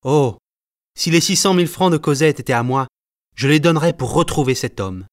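A man's voice: a little high, animated, brisk, lightly acted. Casting: man voicing young Marius, an earnest and fervent young man, storybook drama. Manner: earnest, emotional.

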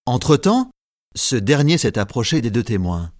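A man narrating a story as an audiobook, in a measured, clear storytelling delivery. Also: medium pitch, sing-song, no echo, clean studio sound.

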